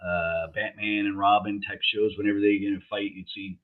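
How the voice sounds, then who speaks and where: A man chatting casually in a laid-back stoner way, halting and searching for words. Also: lowish voice, little pitch movement. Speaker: logo artist and co-host. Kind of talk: casual chat. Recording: dull, lo-fi, muffled sound.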